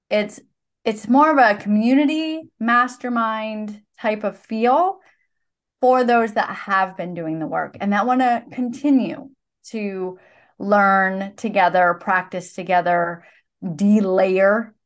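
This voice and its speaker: A woman hosting a podcast, speaking in an encouraging, coaching tone during a casual chat. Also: mid-range voice. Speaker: podcast host.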